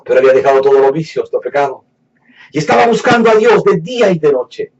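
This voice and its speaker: A man preaching his testimony with fervent passion, his fairly high voice dropping low and soft, then rising loud and slowing to stretch out key words. The sound is dull and lo-fi, picked up from a mic some way off. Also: big pitch swings, far from the mic. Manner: impassioned, swings between hushed low lines and raised fervent ones; slows down and stretches words for emphasis. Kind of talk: emotional sermon testimony.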